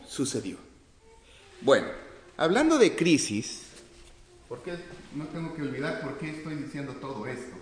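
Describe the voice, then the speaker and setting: A man teaching a sermon in a fairly high, animated voice whose pitch rises and falls freely. He asks the listeners questions and answers them himself, often breaking off and restarting. The sound is roomy, with a long hall reverb behind him. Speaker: preacher teaching a church class.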